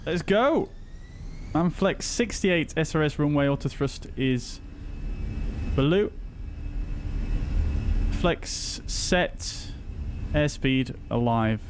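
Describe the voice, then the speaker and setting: A man reads out cockpit callouts and radio readbacks like a pilot on a headset, each phrase crisp and clipped. His voice sits a little higher than most men's. A faint hiss runs underneath. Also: lively intonation, very slow, long pauses. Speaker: flight sim streamer flying as pilot.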